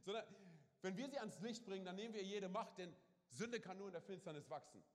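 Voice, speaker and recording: A male pastor preaching a lively sermon at a church service, peppering his talk with quick asides to the congregation. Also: high-pitched. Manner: lively, punctuates with "hey", "come on" and "oder?"; acts out little quoted scenes. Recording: reverberant church hall.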